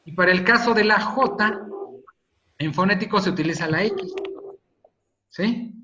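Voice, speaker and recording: Male teacher, high bright voice, patient explainer; dull video call audio. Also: measured pace, background noise. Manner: explanatory, checks with "¿sí?" and "¿no?". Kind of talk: videoconference lesson on phonetics.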